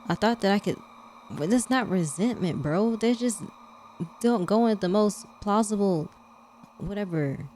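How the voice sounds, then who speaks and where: A woman's voice: fairly low pitch, warm tone, a little hiss or hum. A woman hosting a let's-play, reading a visual novel aloud and chatting casually about it. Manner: casual, chatty, slangy asides between read lines.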